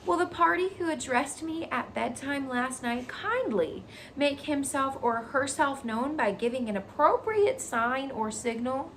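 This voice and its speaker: A woman's voice: high-pitched, expressive, measured pace, a bit bright, slight background noise, voice pushed up, full character voice. A woman voicing a young male pig who is earnest, polite and formal in a storybook reading. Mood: loud, formal. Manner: formal, emphatic announcing.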